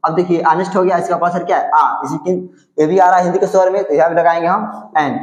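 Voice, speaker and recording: A man's voice: high-pitched, fairly even intonation, fast, echoey room, dull audio. A male teacher explaining a grammar point step by step, repeating himself and checking in with his students. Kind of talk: whiteboard grammar lesson.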